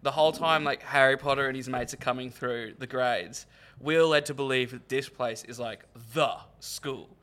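Bright Australian man, loud matey lad banter. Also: mid-range voice, moderate pace. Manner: blokey, sweary, rambling. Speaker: sports podcast co-host.

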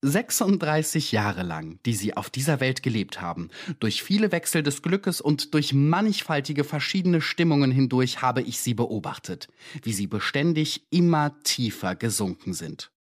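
Male narrator doing an uncanny, calm male visitor in an audiobook; middle pitch, measured, coolly accusing. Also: lightly acted.

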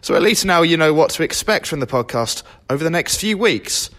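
A man's voice: fairly high pitch, animated, brisk, reverberant. A man with an Essex accent hosting a podcast in a casual, chatty style. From Essex, England. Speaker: podcast host. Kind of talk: casual podcast chat and introduction.

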